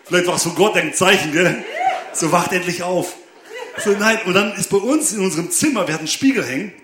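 A man's voice: high-pitched, animated, fast talker, noisy background. A young man preaching, telling a funny personal story and laughing often. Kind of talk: lively sermon with personal anecdote. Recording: echoey room.

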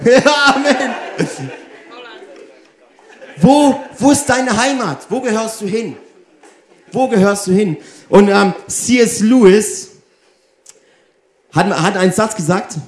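A man's voice: high voice, takes it slowly, long pauses, reverberant. A man preaching a sermon who talks straight to his listeners and keeps asking them rhetorical questions. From Germany. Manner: animated, addresses the audience directly with rhetorical questions.

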